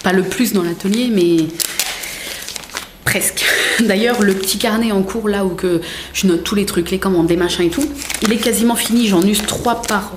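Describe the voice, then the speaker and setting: A woman's voice: medium pitch, normal speed, noisy background. A young woman chatting casually as she unboxes gifts, gushing and chatty with lots of fillers. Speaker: vlogger. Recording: roomy room echo.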